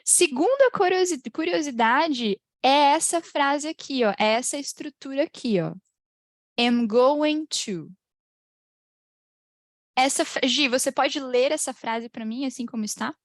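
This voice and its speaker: A Brazilian woman teaches English pronunciation over a video call. She speaks in a slightly high voice in a dry, close sound, drawing out the example phrases and laughing often. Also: no room sound. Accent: Brazilian Portuguese. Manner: lively, drawn-out model phrases, frequent laughs. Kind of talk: online English pronunciation class.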